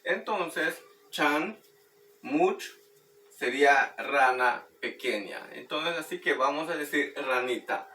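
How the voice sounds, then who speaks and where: A man teaching Maya words through a children's song, speaking slowly and patiently and repeating words for practice. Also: on the high side, lively intonation, pushed and bright. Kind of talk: explaining and demonstrating a children's song. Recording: roomy, distant mic, faint background noise.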